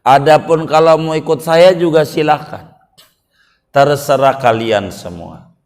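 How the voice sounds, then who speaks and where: A man voicing a remorseful old robber chief who addresses his men slowly and gravely. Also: on the high side, a little mellow. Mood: solemn. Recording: long reverb of a mosque hall.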